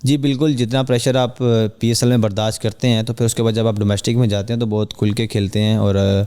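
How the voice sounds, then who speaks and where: A young man from Pakistan, a cricketer guest on a podcast, speaking in an earnest, measured way with hesitant fillers. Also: fairly low pitch, little pitch movement, mellow, smooth. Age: young adult. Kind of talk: podcast interview.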